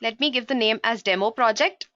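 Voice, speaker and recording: High bright woman on livestream headset audio. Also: brisk, dry recording, dull audio. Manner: explains step by step, often addressing listeners as guys. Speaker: programming instructor. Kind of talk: live coding tutorial.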